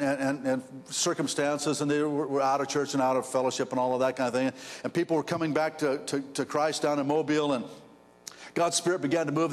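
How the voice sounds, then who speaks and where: Preacher in a reverberant hall. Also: male voice, fairly high pitch. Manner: rambling, repeats words, storytelling with rising excitement. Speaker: pastor. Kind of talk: sermon.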